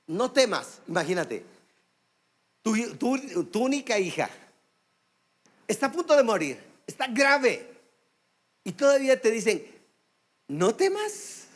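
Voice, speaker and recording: High-voiced Mexican pastor preaching. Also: male voice. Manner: emphatic preaching, calls for amen and applause; storytelling with many "este" fillers. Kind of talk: sermon. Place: church service.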